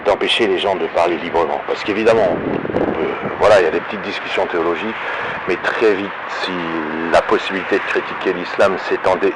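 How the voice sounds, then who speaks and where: A man giving an unscripted opinionated monologue through a voice changer, halting and often correcting himself. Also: background noise. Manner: halting, frequent self-corrections and repetitions. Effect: pitch-lowering voice changer. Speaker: online video commentator.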